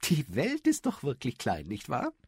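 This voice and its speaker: A man voicing a shrill, easily amused lady who exclaims and gossips, in an audiobook. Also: wildly swooping pitch, normal speed, darkish tone, slightly rough, no echo, studio quality, exaggerated voice. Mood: amused, chatty. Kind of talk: audiobook character voice.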